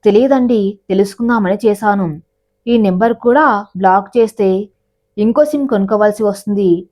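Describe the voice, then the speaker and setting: A woman's voice: medium pitch, normal speed, darkish tone, lightly acted. A woman voicing a persistent young man who pleads melodramatically. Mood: pleading.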